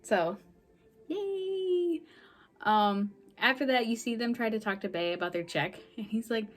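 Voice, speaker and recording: A woman's voice: mid-range voice, moderate pace. A woman casually recapping a movie's plot in a chatty way, with lots of fillers, laughing often. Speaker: movie podcast host.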